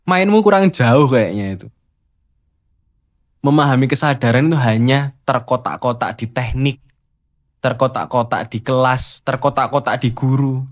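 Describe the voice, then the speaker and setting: A man's voice: medium pitch, moderate pace. A man hosting a casual spiritual monologue, teasing and rhetorical as he challenges the listener. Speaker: host.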